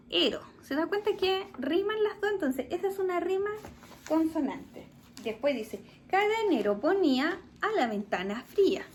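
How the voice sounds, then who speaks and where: A woman's voice: high-pitched, darkish tone, slight background noise. A woman teacher with a Chilean accent, giving a recorded class to children and explaining patiently step by step while asking her pupils questions. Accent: Chilean Spanish.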